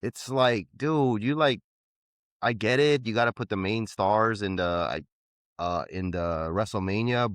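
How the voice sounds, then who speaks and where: Low-voiced rambling man, dry sound. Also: no room sound. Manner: rambling, many fillers and restarts. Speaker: podcast co-host. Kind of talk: casual podcast chat.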